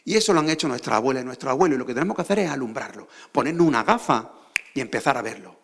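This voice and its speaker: Speaking rapid-fire with vocal fry and lively intonation, a mid-range male voice delivers a conference lecture on a theater stage. He has an Andalusian accent and frequently asks the audience rhetorical questions.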